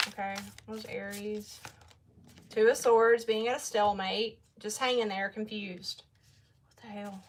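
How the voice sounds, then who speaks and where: A woman's voice: medium pitch, fairly even intonation, unhurried, a little hiss or hum. A young woman giving a casual tarot reading, chatty and blunt, talking straight to her viewers. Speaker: tarot reader.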